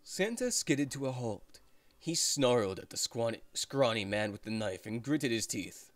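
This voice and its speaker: A woman with an extremely low voice, casually chatting and narrating on a game stream. Her intonation is lively, though she is hesitant and takes her time, and the sound is dry. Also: measured pace, dry recording. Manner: hesitant, searching for words.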